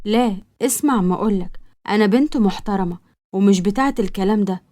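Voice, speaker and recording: A woman's voice: medium pitch, quick pace, mellow, natural voice. A woman with an Egyptian accent voicing a shy, proper young woman who speaks defensively. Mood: earnest. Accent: Egyptian Arabic.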